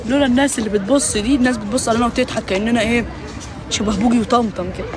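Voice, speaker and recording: Rapid-fire young woman streaming outdoors. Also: fairly high pitch, fairly even intonation. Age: 20s. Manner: playful, dramatic mock laments. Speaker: live-stream host. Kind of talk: casual live-stream chat. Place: outdoors in a garden with people and traffic around. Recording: outdoor recording with crowd chatter.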